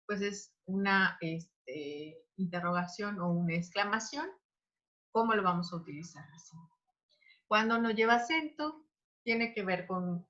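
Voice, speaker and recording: A woman teaches an online grammar lesson, her voice sitting in a middle register. She talks her students through each rule patiently, pausing often on fillers and restarting her sentences. The recording sounds somewhat dull and lo-fi. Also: medium pitch, a bit bright. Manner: explanatory, with frequent fillers and restarts.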